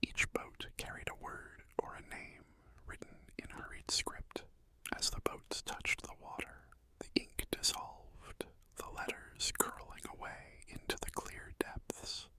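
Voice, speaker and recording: A storyteller narrating an ASMR bedtime story in a hushed, soothing whisper, pausing often between phrases. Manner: slow, hushed, soothing delivery with pauses.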